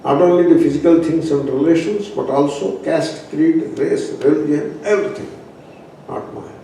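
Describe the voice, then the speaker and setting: Echoey Indian-accented man teaching, mellow voice. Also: on the high side, vocal fry. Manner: emphatic, repetitive teaching with pauses. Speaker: spiritual teacher. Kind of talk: philosophy class, discourse. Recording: echoey room, distant mic, faint noise.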